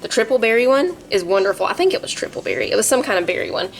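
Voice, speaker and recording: A woman's voice: a little high, very animated, very fast, vocal fry, slight background noise. A woman with a Southern US accent, chatting homily through her garden and kitchen in a casual vlog, laughing easily as she goes. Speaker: home cook and gardener, channel host.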